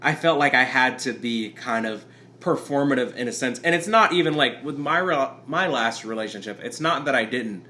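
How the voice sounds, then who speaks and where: Bright-voiced young man, rambling. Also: medium pitch, animated. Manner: rambling, halting with many restarts. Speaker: podcast co-host. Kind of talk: casual couple chat.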